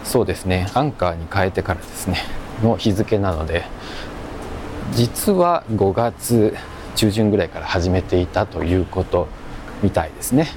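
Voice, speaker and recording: A man talking quietly and reflectively in a casual solo podcast, keeping his voice down as he strolls outdoors. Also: expressive, normal speed. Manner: hushed, keeping voice low in quiet public surroundings. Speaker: amateur podcast host. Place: outdoors, walking through a park-like area. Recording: noisy outdoor recording with ambient hum.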